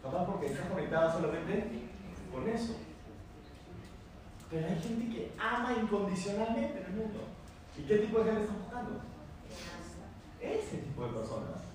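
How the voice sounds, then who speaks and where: Male motivational speaker, raised pitch, animated and repetitive, recorded far off in a roomy hall. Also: moderate pace, long pauses. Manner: animated, repetitive, asks the audience questions. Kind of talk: motivational talk with anecdotes. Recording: very echoey room, mic far off, faint noise.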